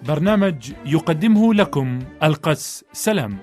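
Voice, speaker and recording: Male radio host announcing over loud brass music. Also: on the high side, animated, measured pace. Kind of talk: scripted radio station introduction over music. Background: brass fanfare music.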